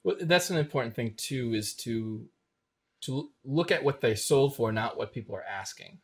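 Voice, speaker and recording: A man's voice: medium pitch, expressive, moderate pace, breathy edge. Easygoing joking male host. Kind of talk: casual interview. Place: radio show studio.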